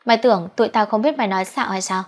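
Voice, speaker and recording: A woman reading the lines of a calm, knowing male friend around thirty in an audiobook, needling in a dry, level way. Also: mid-range voice, rapid-fire, lightly acted.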